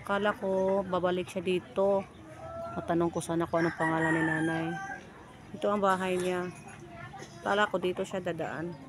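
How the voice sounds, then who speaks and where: A woman's voice: fairly low pitch, fairly even intonation, moderate pace, long pauses, noisy background. A woman vlogging while climbing a hillside, out of breath and chatty, with a Cebuano accent. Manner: breathless, chatty, laughing often. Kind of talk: casual vlog, walking and chatting. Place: outdoors, hillside village.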